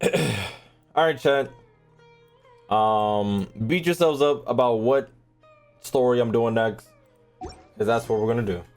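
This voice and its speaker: Slow and mid-range with a darkish tone, this streamer leaves long pauses as he talks to his chat while playing. His casual banter is slangy and full of swearing, with game music and sounds playing behind him.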